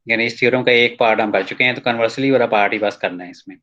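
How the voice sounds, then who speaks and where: A man with a medium-pitched, steady, bright and forceful voice works through a math proof in a recorded lecture with dull audio. After slowly reading lines from the textbook, he explains them in casual Hindi peppered with English terms and frequent "ठीक है" check-ins.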